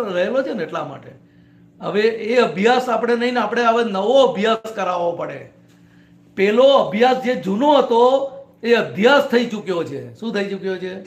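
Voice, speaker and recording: Speaking in a high-sitting voice, a spiritual teacher addresses a small gathering in a private home, regularly posing brief questions to those listening. The recording is in an echoey room.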